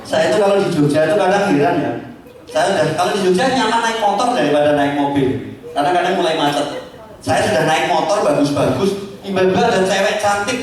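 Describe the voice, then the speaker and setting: A man with a high, light voice delivers a joking motivational talk, slipping into acted voices. He sounds far from the microphone, and the large event hall adds heavy echo. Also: fast. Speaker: speaker entertaining a seminar audience.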